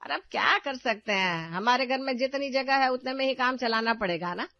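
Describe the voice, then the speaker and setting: A woman's voice: high voice, expressive, brisk, no room sound. A woman voicing a bossy, practical middle-aged mother-in-law in a cartoon story, firm and scolding. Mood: instructing. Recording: dull dry voice-over with faint music.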